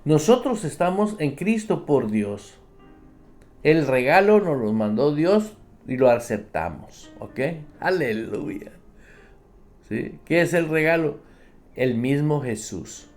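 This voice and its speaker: A male pastor delivers a radio sermon in an unhurried, deliberate way, leaning hard on key words. His voice sits slightly high for a man. Faint instrumental music plays behind him. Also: sing-song, darkish tone. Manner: emphatic preaching, acts out believers' complaints; addresses listeners directly as brother.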